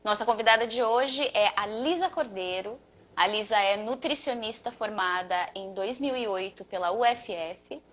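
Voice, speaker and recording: A woman's voice: medium pitch, normal speed, fairly bright tone, poor audio. A woman therapist hosting a live video interview, welcoming her guest and presenting the show's questions. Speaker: therapist and live-show host.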